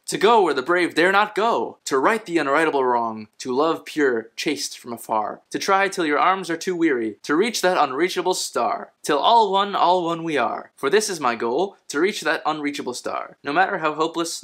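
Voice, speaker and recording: Comedy host, male, slightly high voice, theatrical reading with dry sarcastic asides. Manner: deadpan, sarcastic asides between dramatic readings.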